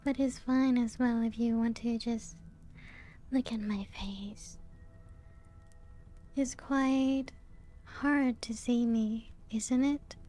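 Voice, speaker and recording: She sounds soft and inviting here, a woman voicing a playful female vampire who guides visitors through her old castle for an ASMR roleplay. The delivery is very slow, hushed, higher-pitched and steady, broken often by whispers and quiet chuckles, with music underneath.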